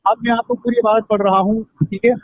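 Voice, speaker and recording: A man with a high voice reading his side of a religious debate, his words chopped apart as the call drops out. The sound is a thin, tinny phone line, close and dry. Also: level tone, a little fast, dry recording. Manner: insistent, demands silence while he reads. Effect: call dropping out, voice breaking up.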